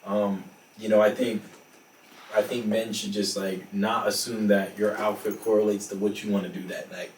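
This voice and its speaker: A man's voice: fairly low pitch, flat delivery, moderate pace, a little mellow, slight background noise. A man in his twenties hosting a podcast, talking casually and laid-back with slang. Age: 20s. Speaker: podcast host. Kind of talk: casual chat. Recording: echoey room, mic at a distance.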